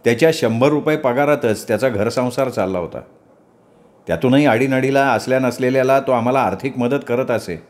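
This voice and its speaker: A man narrates a memoir novel in a steady, measured way. His voice sits at an ordinary middle pitch, and he reads in the first person as a practised storyteller. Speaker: storyteller reading a novel aloud.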